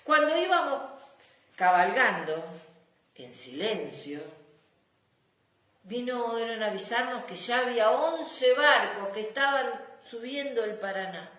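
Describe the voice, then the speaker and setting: An affectionate old grandpa general, acted out by a woman storyteller recalls his battles with pride. The delivery is dramatic and very lively in pitch, with deliberate phrasing. The room echoes around the voice. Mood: suspenseful, proud. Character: proud, affectionate old grandfather general telling war memories. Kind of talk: children's storybook narration.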